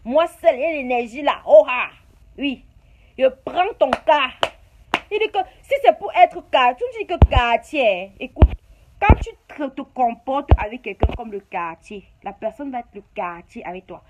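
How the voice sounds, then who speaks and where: A woman with a Cameroonian French accent and a high voice rants straight into the camera. She is confrontational and scolding, and she drives each point home by repeating her jabs. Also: lively intonation, a little slow, background noise. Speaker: YouTuber. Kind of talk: heated rant to camera.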